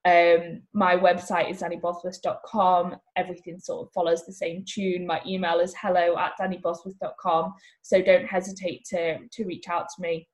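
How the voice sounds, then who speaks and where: A woman hosting a casual solo fitness podcast, talking in a relaxed way with frequent ums. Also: on the low side, normal speed, rough recording. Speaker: podcast host and fitness coach.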